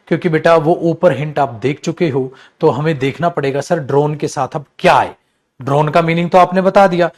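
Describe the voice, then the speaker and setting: A middle-aged male teacher runs an exam-prep English class, coaxing his students along. His fairly high voice swings up and down as he drags out key words and reads the example sentences slowly. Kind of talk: online exam-prep lesson.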